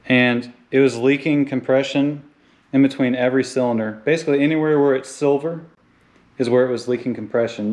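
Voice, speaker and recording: A man casually narrating as he works on a car engine, joking and talking to himself between steps. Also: mid-range voice. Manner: chatty, jokey, talks to himself as he works. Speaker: car builder. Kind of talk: casual how-to narration while wrenching. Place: garage workshop.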